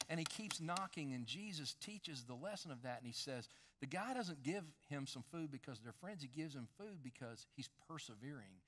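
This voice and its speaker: A man in his fifties preaching a sermon on a large dark church stage, animated, swinging between loud emphasis and hushed lines. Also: a little high, normal speed. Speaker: pastor.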